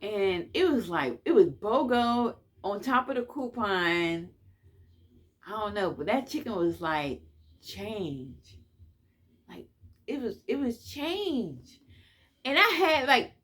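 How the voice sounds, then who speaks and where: A woman's voice: mid-range voice, a bit bright, breathy edge. A woman telling stories from her past in a casual, slangy way, repeating phrases for emphasis. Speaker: couponing vlogger. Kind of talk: casual reminiscing storytelling.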